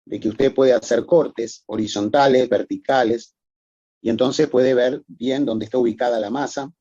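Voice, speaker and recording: A man's voice: mid-range voice, warm tone, no room sound, muffled recording. A man giving a recorded medical lecture, explaining methodically and addressing students formally.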